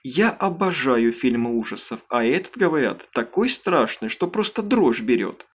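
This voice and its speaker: A man's voice: mid-range voice, sing-song, moderate pace. A man reading aloud voices a chatty, sugary teenage girl who gushes and chatters. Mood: gushing. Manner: gushing, chattering.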